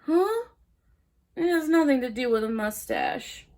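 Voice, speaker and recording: A woman's voice: high-pitched, big pitch swings, a little slow, a little mellow, voice pushed down. A woman voicing a small, worried jellyfish sidekick in a children's storybook, unsure and fretful.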